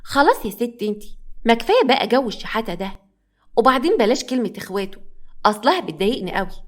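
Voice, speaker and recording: A woman's voice: fairly high pitch, big pitch swings, fast talker. A woman putting on a sneering Egyptian stepmother. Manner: sneering, condescending. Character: scornful, cruel young stepmother, haughty.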